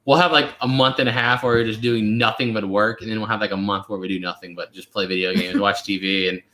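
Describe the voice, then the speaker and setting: A man's voice: fairly low pitch, steady tone, fast, pushed and bright. A man in his twenties hosting a casual live question-and-answer chat, rambling along with lots of fillers. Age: 20s. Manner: laid-back, rambling with many fillers. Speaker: channel host. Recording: roomy echo.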